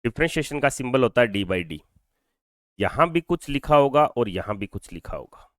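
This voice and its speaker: In clean, studio-quality audio with no room sound, a man over twenty-two teaches physics in Hindi blended with English, his mid-range voice swinging widely in pitch at normal speed. He walks through ideas step by step, poses questions he answers himself, and gets students to echo key terms.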